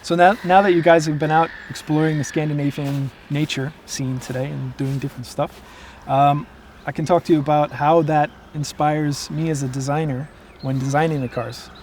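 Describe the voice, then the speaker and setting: American man, higher voice, thoughtful. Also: normal speed, a little hiss or hum. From United States. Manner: relaxed, thoughtful, with frequent ums. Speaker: car designer. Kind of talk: explanatory interview talk.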